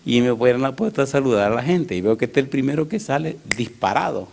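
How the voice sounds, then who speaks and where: A man's voice: mid-range voice, lively intonation, quick pace, gravelly, darkish tone, a little hiss or hum. A male pastor preaching to his congregation in a conversational style. He asks them questions directly and moves easily into telling stories. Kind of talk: sermon.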